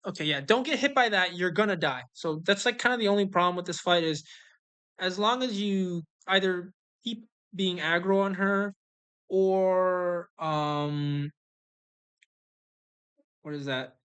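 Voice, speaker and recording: A game streamer walks through a game live, casually instructing and narrating each move as it happens. The voice is mid-range, unhurried, a bit bright, clear, and resonant.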